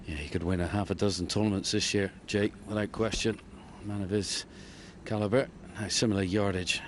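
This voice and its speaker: A man works as a golf commentator, calling play in a fairly low voice. There is faint background noise around the commentary. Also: fairly even intonation, normal speed.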